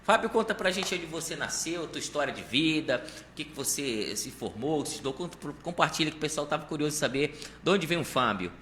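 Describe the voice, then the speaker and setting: A man's voice: a little high, animated, fairly quick, few pauses, fairly bright tone, a little hiss or hum. A man hosting a live podcast, reading sponsor lines and speaking straight to his viewers in an upbeat, promotional way. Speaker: podcast host.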